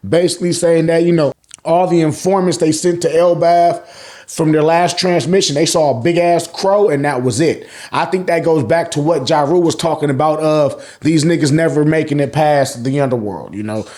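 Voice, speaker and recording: Talking at a moderate pace in a higher, slightly mellow voice, this American host runs a casual, slangy manga review. He recaps chapters while cursing freely and repeating himself for emphasis.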